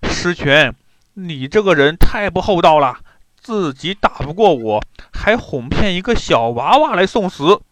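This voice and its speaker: A man voicing an arrogant bandit chief who talks loudly and mockingly. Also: fairly high pitch, big pitch swings, normal speed, few pauses, no room sound. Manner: loud, mocking.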